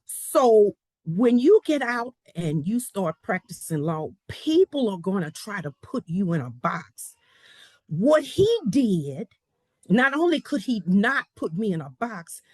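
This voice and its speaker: A woman tells a courtroom story at an unhurried pace. Her pitch swings widely as she acts out each person she quotes. The voice is slightly husky and recorded dry and close. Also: no room sound. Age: 60s. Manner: animated storyteller acting out the people she quotes. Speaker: law professor. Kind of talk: storytelling interview.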